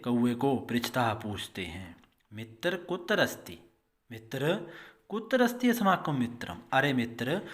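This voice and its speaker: Slow, patient man teaching a lesson. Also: mid-range voice, fairly bright tone. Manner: slow, patient, repeats each line in translation. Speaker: school teacher. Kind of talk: recorded Sanskrit lesson, reading and explaining in Hindi.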